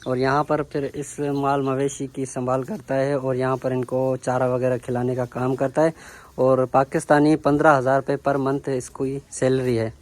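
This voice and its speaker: A man vlogs from farmland in a Sindh village, questioning workers in short bursts and repeating their answers before he faces the camera to talk. He has a medium-pitched voice with little pitch movement and a moderate pace.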